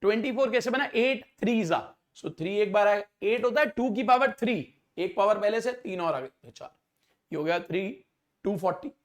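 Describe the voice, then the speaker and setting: Male maths teacher, high-pitched, methodical exam-prep delivery. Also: lively intonation, moderate pace. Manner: explains step by step, often checks if students follow.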